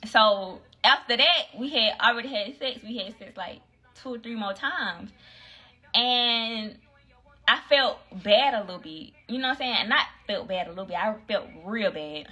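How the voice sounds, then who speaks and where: A woman's voice: on the high side, moderate pace, sharp tone, low-quality recording. A young woman, casually telling a story on a phone livestream in slangy, candid talk. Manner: candid, slangy, acts out both sides of quoted dialogue. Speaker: livestream host.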